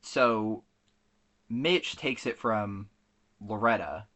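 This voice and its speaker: A man's voice: on the low side, extremely slow, fairly bright tone. A man co-hosting a podcast, casually recapping a movie plot with lots of fillers and restarts. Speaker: podcast co-host.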